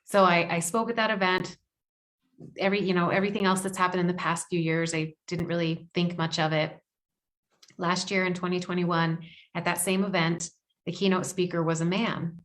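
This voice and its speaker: A woman's voice: on the low side, little pitch movement, moderate pace. A woman guest speaking earnestly in an interview, often repeating words for emphasis. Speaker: podcast guest. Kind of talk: heartfelt interview conversation.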